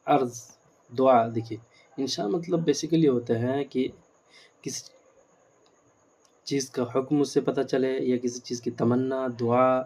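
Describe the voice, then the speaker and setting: A man's voice: mid-range voice, steady tone, pauses often, darkish tone. A male teacher giving a grammar lecture, explaining step by step, asking rhetorical questions and mixing in English words.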